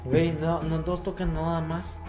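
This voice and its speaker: A man's voice: fairly high pitch, level tone, a little fast. A man with a Mexican accent chatting casually and telling anecdotes among friends in slangy speech. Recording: music behind the voice. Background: music.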